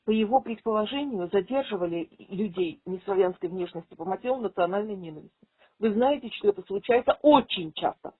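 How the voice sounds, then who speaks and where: Woman, husky voice, formal complaint, assertive, argumentative, dry tinny phone recording. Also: mid-range voice, animated, fairly quick, dry recording. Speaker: migrant rights advocate. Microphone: telephone line. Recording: tinny phone call, radio-like.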